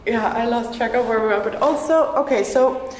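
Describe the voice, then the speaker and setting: A woman's voice: on the high side, a little fast, darkish tone, a little hiss or hum. A woman from Denmark hosting a podcast interview, talking casually in a chatty way with many "like" fillers inside a gallery exhibition room. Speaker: podcast host. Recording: echoey gallery room with long reverb.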